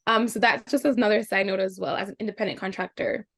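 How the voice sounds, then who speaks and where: A young Jamaican woman, a guest in a casual interview, recounts her experiences at a quick pace with noticeable vocal fry. Her storytelling is lively, her voice climbing sharply on the reactions she quotes.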